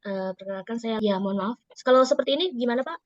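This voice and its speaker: A woman's voice: a little high, fast talker. A woman politely asking questions in an online class, her voice breaking up and cutting out over a weak call connection. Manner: polite, deferential. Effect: choppy audio breaking up over a weak call connection. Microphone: video call. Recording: dull, dry online call audio.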